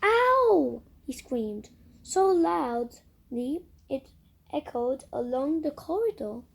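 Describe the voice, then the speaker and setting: A woman reads a children's storybook aloud at an unhurried pace. Her voice is fairly high, and she often pauses to talk to the child about the pictures. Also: lively intonation, gravelly, slightly rough. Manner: stops for gentle asides to the listener. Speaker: reader.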